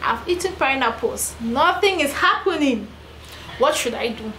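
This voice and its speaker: A woman's voice: high voice, lively intonation, unhurried, pushed and bright, a little hiss or hum. A young pregnant woman vlogging to camera, venting in an emphatic, repetitive way. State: heavily pregnant. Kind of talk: personal vlog, talking to camera. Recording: echoey room with faint ambience.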